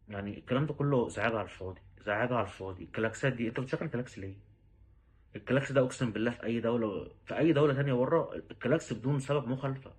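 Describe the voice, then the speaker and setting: A man's voice: medium pitch, a little hiss or hum. A man with an Egyptian Arabic accent, talking straight to the listener in an exasperated, pleading rant. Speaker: vlogger. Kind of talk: direct-to-camera rant.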